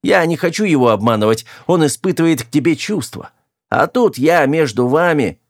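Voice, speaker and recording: A man's voice: a little high, expressive, no echo, clean studio sound, pitched above the performer's own voice. A man doing a hesitant young man. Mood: earnest. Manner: hesitant, slow. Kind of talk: audiobook character voice.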